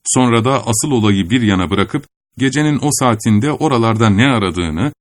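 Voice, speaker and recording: A man reading a literary story aloud in a measured, even storytelling manner. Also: mid-range voice, no room sound. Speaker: narrator. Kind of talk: scripted audiobook narration.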